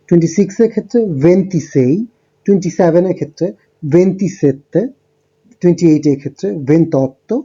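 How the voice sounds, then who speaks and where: A man teaching a beginner language lesson, explaining step by step with frequent ums and pauses. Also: on the high side, dark tone, highs cut off. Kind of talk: lesson narration over slides.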